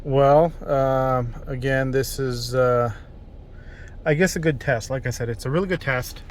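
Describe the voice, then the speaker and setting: A man's voice: mid-range voice, unhurried, a little hiss or hum. A man giving casual, off-the-cuff vlog commentary as he tests a product. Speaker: product reviewer. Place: in or beside a car at a mall.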